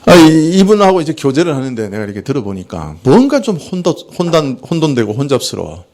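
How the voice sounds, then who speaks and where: A man's voice: on the high side, sing-song, fast, darkish tone. A man preaching a sermon as pastor, asking rhetorical questions and answering them himself, acting out quoted speech. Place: church.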